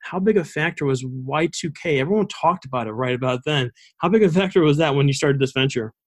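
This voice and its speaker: Male interview host, voice a touch high, halting and rambling conversational delivery. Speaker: show host.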